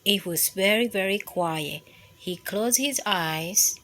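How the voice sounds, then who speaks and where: A woman reading a children's bedtime story as an expressive narrator. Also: mid-range voice, slow pace.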